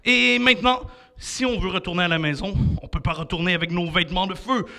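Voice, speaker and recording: A young man with a Québécois French accent, leading an energetic martial arts adventure class for children, coaching and counting down with enthusiasm. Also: sits high, fairly quick, creaky, noisy background.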